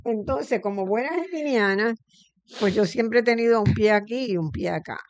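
A middle-aged woman hosts a relaxed interview. She muses aloud and pauses often to gather her thoughts. The sound is dry and close, with no room echo. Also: fairly high pitch. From Puerto Rico. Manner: reflective, thinks aloud with frequent fillers. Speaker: interview host. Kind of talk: conversational interview.

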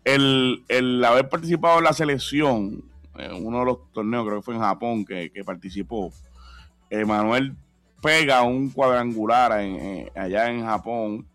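A man's voice: medium pitch, measured pace, fairly bright tone, dry recording. A man, co-hosting a baseball radio show. He talks in a loose, conversational way and often repeats himself to drive a point home. The sound is dry and close, with faint music behind him. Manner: conversational, repetitive, prompting. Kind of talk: casual sports talk.

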